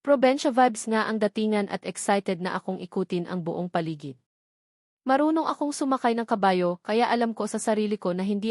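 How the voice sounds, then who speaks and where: Reading a first-person novel as scripted narration, this woman with a Filipino accent works as an audiobook narrator. She has a slightly mellow, mid-range voice, and the recording is dry and studio-clean.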